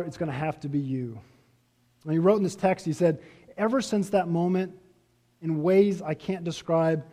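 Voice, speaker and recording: Earnest male pastor preaching in a reverberant hall. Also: fairly high pitch. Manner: earnest preaching, rising emphasis then trailing off softly. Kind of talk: sermon. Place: church sanctuary.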